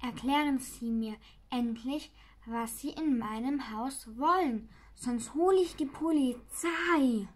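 A woman voicing a grumpy grown man who owns the house, speaking loudly and indignantly as she reads aloud. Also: high-pitched, slow. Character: grumpy adult male homeowner.

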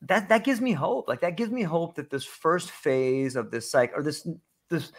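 Animated older man on a video call. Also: fairly high pitch, normal speed, slightly rough. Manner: animated, rambling, many fillers. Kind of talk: casual conversation. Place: home room, video call.

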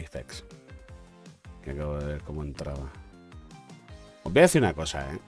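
A man's voice: on the low side, a little mellow. Playful Spanish streamer man, teasing banter. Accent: Spain Spanish. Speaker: gaming streamer. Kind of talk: casual gaming commentary.

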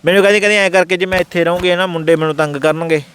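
Fast-talking man telling his story. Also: sits high, steady tone, fairly bright tone, a little hiss or hum. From Punjab. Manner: rapid, earnest telling that acts out the others' words in quotes. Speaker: interview guest. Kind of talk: casual first-person storytelling.

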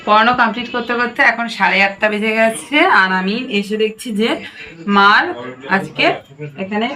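A woman's voice: mid-range voice, steady tone, normal speed, pushed and bright. A woman vlogging her daily routine as a home tutor, chatting casually and directly with her viewers.

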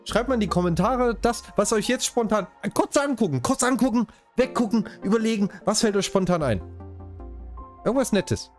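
Gaming YouTuber, man from Saxony, lively pitch, light music behind. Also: moderate pace. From Saxony, Germany. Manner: chatty, jokey, talks straight to viewers. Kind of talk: casual let's-play commentary.

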